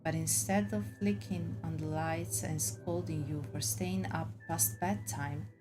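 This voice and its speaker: Over clearly audible background music, a woman narrates a story game in a dramatic storybook manner, sometimes stumbling on words. Her voice is low, fairly even in intonation and a little slow.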